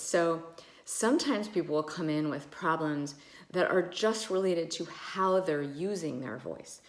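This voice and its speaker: Woman ent doc chatting thru a lesson, kinda low voice, lots of ums, echoey room. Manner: chatty, many fillers, demonstrates voice sounds. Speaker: ENT doctor. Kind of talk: casual educational explainer.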